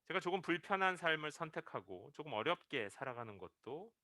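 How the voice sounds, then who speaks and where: A man's voice: fairly high pitch, sing-song, brisk, sharp tone, dry recording. A male pastor preaching a Sunday sermon, telling a story and acting out the quoted lines as he builds to emphatic peaks.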